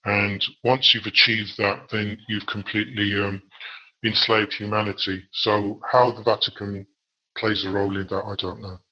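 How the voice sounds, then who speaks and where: A man from England answering interview questions in a measured way, often pausing on fillers. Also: on the low side, little pitch movement. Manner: measured, hesitant with frequent fillers. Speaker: guest researcher. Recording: dull lo-fi audio.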